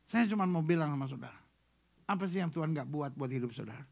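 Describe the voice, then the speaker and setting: A pastor preaching a lively sermon, swinging from shouts to soft joking asides and dropping in English phrases. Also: male voice, fairly high pitch, fast, vocal fry. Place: retreat meeting room.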